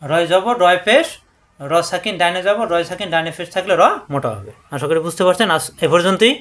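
A man teaching Quran reading rules. He explains step by step, and he drills syllables slowly and over again. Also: high-pitched, animated, fairly bright tone. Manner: slow, repetitive drilling of syllables. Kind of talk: tajweed lesson.

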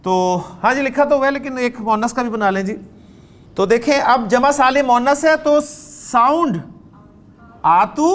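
A man's voice: high voice, fairly bright tone. A man with a Pakistani accent teaching Arabic grammar in a classroom lecture, quizzing his students and dictating phrase by phrase.

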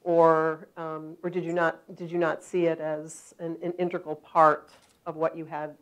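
An older woman interviewing a guest on stage, asking measured questions with many fillers. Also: sits low, flat delivery, rough recording. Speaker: interviewer, moderator. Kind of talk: onstage conversation. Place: stage at a journalism foundation event, seated in armchair.

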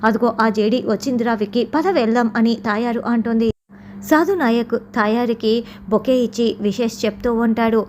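A woman's voice: fairly high pitch, fairly even intonation, normal speed, a little mellow, slight background noise. A woman retelling the scenes of a TV serial episode, reading out every character's lines in her own voice. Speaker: recap narrator.

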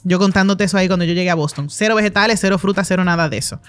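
Telling stories in a casual podcast interview, this thirty-something chef from the Dominican Republic talks with animated gestures and fast asides. Her lowish voice carries a Dominican Spanish accent, picked up by a studio mic on a boom arm in a brick-walled room full of plants.

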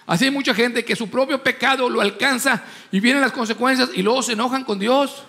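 A man's voice: very high-pitched, a little fast, bright, forceful tone. A man preaching a sermon as pastor, speaking emphatically and acting out the people in his stories. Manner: emphatic preaching, acts out voices in anecdotes. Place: church hall. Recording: long church hall reverb.

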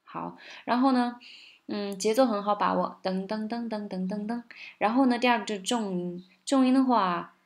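A woman with a mid-range voice runs a casual song lesson. Her explanations come out brisk and chatty. When she reaches the lyrics, she sings each phrase slowly and lifts the stress toward the end of the line. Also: medium pitch. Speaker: English song tutor.

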